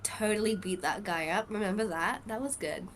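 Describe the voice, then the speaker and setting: A woman's voice: mid-range voice, normal speed, a little hiss or hum. A woman playing her character in a tabletop role-playing game, talking in a bubbly, casual, teasing way. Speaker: player.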